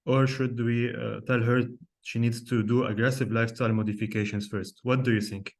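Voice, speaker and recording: Medium in pitch, level and fairly quick, this young man from Lebanon is a cardiologist lecturing online in real time. His hesitant delivery, full of fillers, restarts and audience questions, is recorded through a computer mic on a video call.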